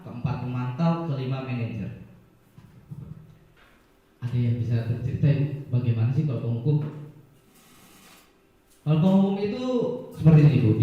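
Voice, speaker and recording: A male teacher, leading a workshop for fellow teachers and explaining step by step with short acted-out examples. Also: mid-range voice. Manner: explains step by step, acts out short scenes, chuckles often. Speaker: teacher leading a training session. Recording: very echoey room, dull lo-fi sound.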